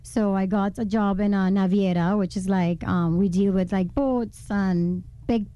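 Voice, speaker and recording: A woman from Venezuela, a guest telling her life story in a casual interview, animated and laughing often. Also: mid-range voice, a little slow, no echo, muffled recording. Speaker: guest entrepreneur.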